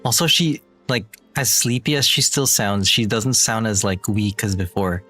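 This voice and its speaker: A man's voice: fairly low pitch, normal speed, pushed and bright, soft background music. Young man giving casual game commentary. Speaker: game streamer.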